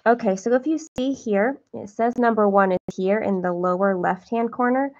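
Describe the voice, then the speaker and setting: A woman's voice: mid-range voice, normal speed, a little mellow, muffled recording. A woman hosting a cross-stitch livestream, chatting casually and self-deprecatingly with viewers while counting her stitches.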